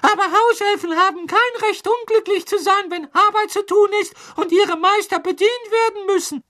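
A man voicing a timid, servile house elf in a squeaky, humble, apologetic voice for an audiobook. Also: moderate pace, pushed and bright.

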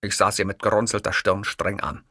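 A man narrating a first-person audiobook in a measured, ironic storytelling manner. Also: fairly low pitch, flat delivery, bright, forceful tone, no echo, studio quality.

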